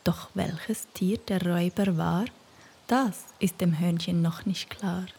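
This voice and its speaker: A woman narrating a rhyming children's storybook in a soft, half-whispered voice. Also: on the low side, steady tone, slow, gravelly, breathy edge.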